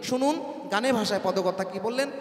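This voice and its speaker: A hoarse man with an unusually high voice talks to an audience from a folk stage, joking and chatting. His voice is carried on a PA into a big echoey space with a long reverb, and faint music sits behind him. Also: fairly quick. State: hoarse from nights of singing. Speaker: folk stage performer in a sung debate. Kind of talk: stage patter to an audience over a PA.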